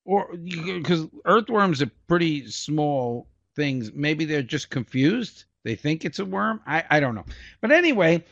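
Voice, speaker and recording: Jokey man podcast co-host, lively pitch. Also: a little slow, gravelly, no echo. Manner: jokey, laughs at his own puns. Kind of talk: comedic podcast banter. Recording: dull lo-fi podcast audio.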